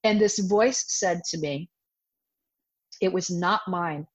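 The recording is dull and lo-fi: a woman in her forties, a self-defense instructor, shares a personal story with an interviewer. Her voice sits lowish and she talks slowly, telling it with energy and voicing quotes of herself along the way.

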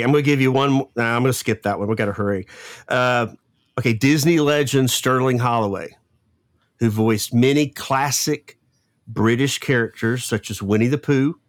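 A man's voice: mid-range voice, no echo. A middle-aged man hosting a casual family trivia quiz, hurrying along and chatty. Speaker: quiz host.

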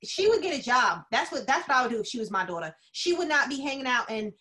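A woman's voice: high voice, sing-song, quick pace, pushed and bright. Emphatic woman in casual movie chat. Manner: emphatic, rambling, many fillers like "like" and "you know". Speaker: podcast co-host.

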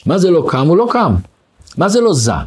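Lively high-voiced rabbi telling stories. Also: male voice, husky. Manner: animated storyteller who acts out quoted voices. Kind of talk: Torah lesson with anecdotes.

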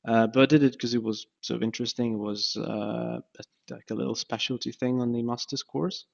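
A Ukrainian man, a startup founder appearing as an interview guest, talks casually and hesitantly, full of fillers and restarts. His voice sits at medium pitch with a steady tone, a little vocal fry and a slightly fast pace. The podcast audio is dull and lo-fi.

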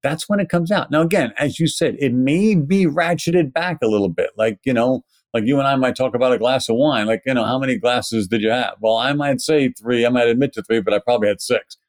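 A man's voice: medium pitch, brisk, hardly any pauses, no room sound. A man with a Brooklyn accent explaining things conversationally and emphatically, as an educator being interviewed. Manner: emphatic, poses rhetorical questions. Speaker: pharmacist educator, interview guest.

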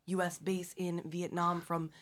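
A woman's voice: on the low side, level tone, a little slow. A woman hosting a radio show in a conversational style. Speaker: radio host.

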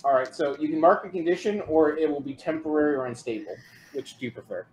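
A man's voice: a little high, fast talker, a little mellow, a little hiss or hum. Laid-back man running a tabletop game. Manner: casual, loose, lots of "like". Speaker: game master.

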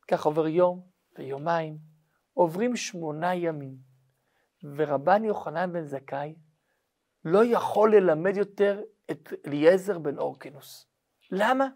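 A man, a rabbi, telling a religious story in a lively, dramatic way, often checking that listeners follow. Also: high voice. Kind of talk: storytelling lesson.

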